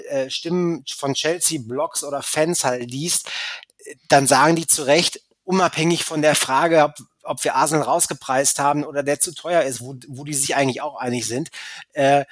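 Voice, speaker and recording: A man's voice: a little high, moderate pace, no echo. A man in casual football chat, opinionated and hesitant, full of fillers and restarts. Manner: opinionated, argues his view.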